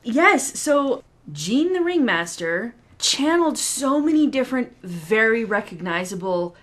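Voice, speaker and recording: A woman's voice: fairly high pitch, very animated, measured pace. A woman co-host talking casually about a film, telling it in an amused, wry way. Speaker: podcast co-host reviewing horror films. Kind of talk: casual movie discussion.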